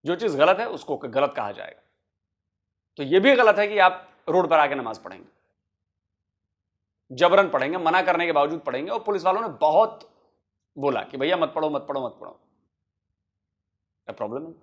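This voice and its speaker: A man's voice: fairly high pitch, very animated, normal speed, pauses often. A man hosting a reaction video, arguing emphatically and addressing his viewers. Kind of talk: reaction commentary.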